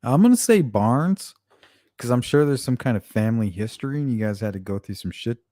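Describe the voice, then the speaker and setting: A man with a lowish, mellow voice hosts a relaxed late-night stream. He teases his viewers, jokes, and swears casually. The sound is close and dry, with no room echo. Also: fast talker. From Arizona. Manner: joking, teasing, profane. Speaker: live stream host.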